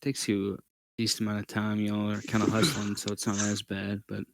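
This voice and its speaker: A man narrating a tabletop game as game master, halting and thinking aloud as he describes scenes. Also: on the low side, monotone, vocal fry.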